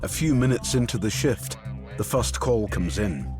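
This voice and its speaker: A man's voice: fairly low pitch, animated, moderate pace, music in the background. A man reading scripted documentary narration.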